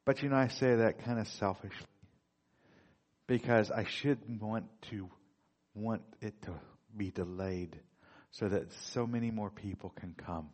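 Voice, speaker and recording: A man with a somewhat low voice speaking at a church Bible study. He talks in a heartfelt, informal way, stumbling and restarting now and then. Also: measured pace, a little mellow. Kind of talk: church talk and reflection.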